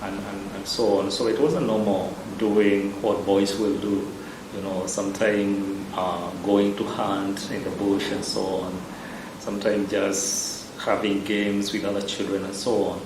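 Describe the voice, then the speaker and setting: A Kenyan-accented man speaks as a parish priest, answering questions slowly and with many hesitations. His voice sits low. The room is echoey, and a steady background ambience sounds loud behind him. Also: background noise. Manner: measured, unhurried, with frequent hesitations.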